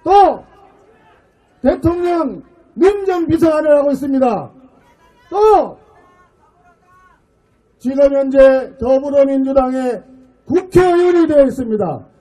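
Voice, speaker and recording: A middle-aged man delivers a fiery rally speech outdoors, his voice pushed very high from shouting yet dark and mellow in tone. He speaks slowly, breaking his words into emphatic pieces. He fires rhetorical questions at the crowd. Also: expressive, poor audio. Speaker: party floor leader giving a rally speech.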